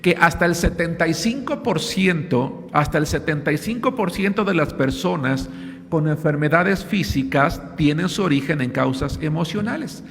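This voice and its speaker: Male pastor, high voice, earnest sermon delivery with scripture reading, long church reverb. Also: expressive, normal speed, creaky, a bit bright. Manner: earnest preaching, reads scripture aloud.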